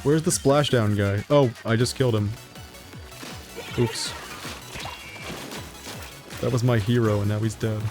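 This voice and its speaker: A man streaming a video game who talks in a loose, rambling way, laughing often and swearing casually. His voice sits at an ordinary middle pitch. Faint game music plays underneath. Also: fairly even intonation, measured pace, long pauses. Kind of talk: casual live-stream gameplay commentary.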